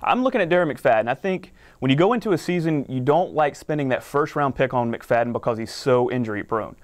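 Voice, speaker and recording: A man's voice: medium pitch, animated, brisk. A man, a fantasy sports analyst, explaining picks confidently in a studio sports talk show.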